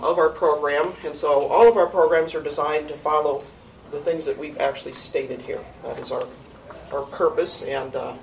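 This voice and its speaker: A youth program coordinator, a woman with a low, creaky, slightly mellow voice, gives an informal annual report to a board. She talks conversationally, with frequent ums and restarts. A distant mic in a meeting room picks her up along with faint noise.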